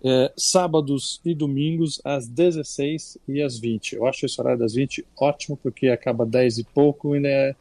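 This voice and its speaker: An older man with a Brazilian Portuguese accent talks through a theatre review in a relaxed, chatty way, often restarting his sentences. The studio sound is dry and close, and his voice sits at a middling pitch. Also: normal speed, few pauses, dry recording. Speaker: culture critic. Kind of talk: radio culture segment chat.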